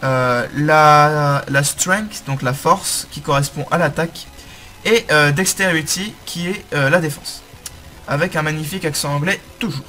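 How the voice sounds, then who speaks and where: Bright-voiced man talking through a game tutorial. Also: on the high side, moderate pace, faint music behind. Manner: hesitant, many fillers and self-corrections. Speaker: game guide host.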